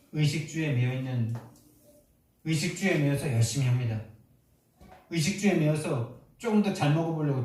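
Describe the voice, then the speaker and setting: A man's voice: on the high side, a little mellow. A male pastor preaching a sermon, emphatic and full of rhetorical questions to the congregation, in a church sanctuary. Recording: echoey hall from far off.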